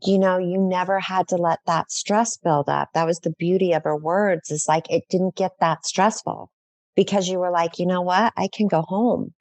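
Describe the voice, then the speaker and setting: A woman's voice: on the low side, steady tone, moderate pace, darkish tone, dry recording. A middle-aged woman talking as a guest in a casual podcast interview, enthusiastic and effusive, rambling with fillers.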